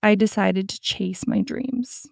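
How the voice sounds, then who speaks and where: A woman in her twenties voicing a young female dreamer who tells her own story, speaking slowly and clearly and saying each sentence twice. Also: medium pitch, fairly even intonation, no room sound, clean studio sound. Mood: calm. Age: 20s. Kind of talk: scripted story for repeat-after practice.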